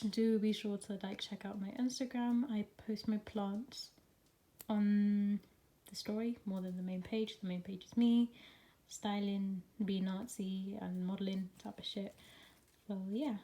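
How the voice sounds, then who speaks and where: A woman's voice: medium pitch, warm tone. A young woman chatting casually in a home plant vlog, rambling with lots of fillers and slipping into whispers. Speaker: plant vlogger. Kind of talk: casual chat. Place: home, indoors.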